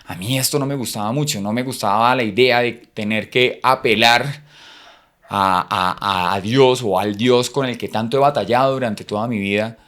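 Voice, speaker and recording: A man's voice: mid-range voice, moderate pace, fairly bright tone. A middle-aged man from Cúcuta, Colombia, with a Cúcuta accent, sharing a personal faith testimony as an interview guest in a reflective, hesitant way. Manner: reflective, hesitant, many fillers.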